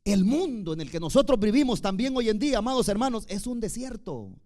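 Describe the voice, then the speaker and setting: A man preaching a sermon, emphatic, swinging between loud declarations and soft asides. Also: sits high, very animated, a little fast.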